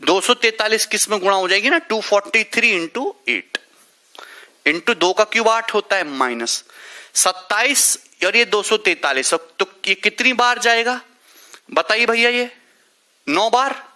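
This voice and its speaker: A man's voice: high-pitched, expressive, unhurried, bright, forceful tone. A male math teacher, leading a live online class, working through sums step by step and teasing students by name.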